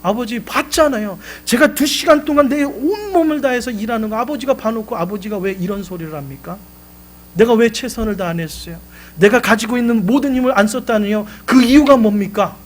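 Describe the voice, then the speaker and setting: A man's voice: sits high, animated, moderate pace, fairly bright tone, pitched above the performer's own voice. A man voicing a young son who pleads with his father and then protests. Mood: indignant. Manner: pleading, indignant outbursts.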